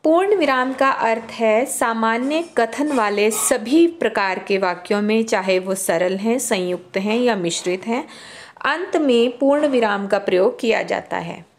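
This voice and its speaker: A woman teaching a grammar lesson to children, explaining slowly and repeating key terms. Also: a little high, slight background noise.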